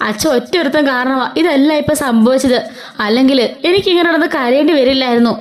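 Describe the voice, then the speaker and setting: A woman's voice: high-pitched, fast, close to an everyday voice. A woman voicing a hurt young wife who pleads and protests. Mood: upset. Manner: pleading, upset.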